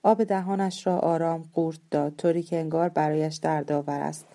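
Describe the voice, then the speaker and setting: A woman reading a novel aloud as an audiobook narrator, calm and measured. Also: low-pitched. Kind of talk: scripted story narration.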